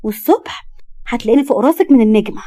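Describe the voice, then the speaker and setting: A woman's voice: a little high, rapid-fire, warm tone, no echo, lightly acted. Woman voicing Malak, a chatty cheerful young woman. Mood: friendly. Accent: Egyptian Arabic. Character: cheerful, lonely young woman, friendly sister.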